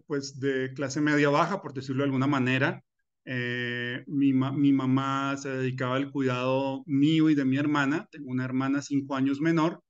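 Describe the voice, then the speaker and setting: In this recorded masterclass lecture on personal finance, a middle-aged man from Colombia talks earnestly and from personal experience, with "eh" fillers and frequent restarts. His pitch is fairly high and the sound is dull.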